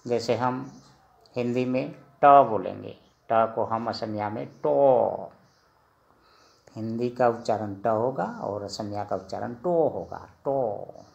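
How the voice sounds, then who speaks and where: A man teaching the alphabet, speaking slowly and deliberately, repeating each sound and asking it back as a drill. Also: lowish voice, steady tone, gravelly, a little mellow, muffled recording. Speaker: language teacher. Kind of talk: slow spoken alphabet lesson.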